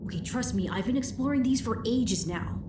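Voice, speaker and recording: A woman's voice: fairly high pitch, animated, fairly quick, background noise, close to an everyday voice. A woman voicing a curious, mischievous young schoolboy in a video game, speaking casually and conspiratorially with a touch of world-weariness. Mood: confident, secretive. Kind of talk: video game character dialogue. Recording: music behind the voice. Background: clear music.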